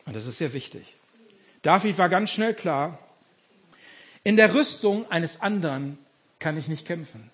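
A man preaching an animated, emphatic sermon as pastor, speaking directly to his congregation. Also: fairly high pitch, a little slow, pauses often, breathy edge, muffled recording.

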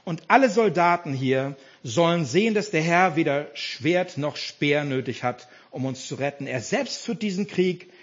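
A young shepherd hero calls out his defiance with bold faith, as a preacher voices him. The voice is high and swings widely, with a husky edge, and the recording sounds dull and muffled. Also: expressive, normal speed, few pauses. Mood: defiant.

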